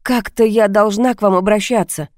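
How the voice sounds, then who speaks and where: A woman's voice: mid-range voice, fairly even intonation, normal speed, darkish tone, no echo, clean studio sound, voice pushed up, close to an everyday voice. A woman voicing a frightened, pleading young woman. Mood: strained. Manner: strained, pleading. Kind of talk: audiobook reading.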